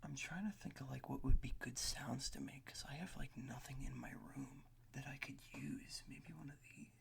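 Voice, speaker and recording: At his bedroom desk, a male ASMR creator talks softly near the microphone in a breathy, gravelly half-whisper. His pitch is medium and steady, his speed normal, and he drifts along in a hesitant, self-deprecating ramble.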